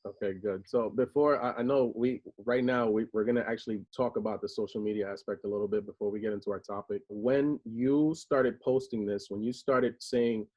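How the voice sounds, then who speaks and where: A man's voice: on the low side, fairly even intonation, a little fast, hardly any pauses, a little mellow. A man hosting a casual talk show, talking enthusiastically and rambling with fillers. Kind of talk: casual chat. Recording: dull lo-fi recording.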